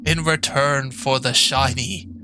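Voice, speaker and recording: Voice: mid-range voice, steady tone, slow pace, pushed and bright, faint music behind. A performer voicing a boastful, petulant wisp spirit in an eerie, unearthly ghost voice with theatrical proclamations, in a tabletop game. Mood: grandly boastful.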